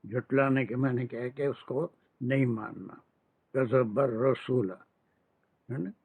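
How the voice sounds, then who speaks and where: A man's voice: medium pitch, fairly even intonation, measured pace, a little mellow, breathy edge, dry recording. A man teaching grammar in an online class, patiently drilling verb forms and slipping into English phrases. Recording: dry, tinny phone-like audio.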